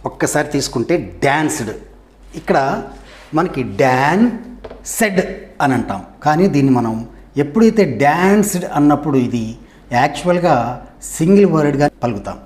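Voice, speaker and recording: A middle-aged man with a Telugu accent, teaching English grammar in a classroom style. His voice sits a little high and swings a lot in pitch, rising on questions and dropping low as he answers himself. He breaks words into syllables and says each one slowly and clearly. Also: big pitch swings, a little mellow.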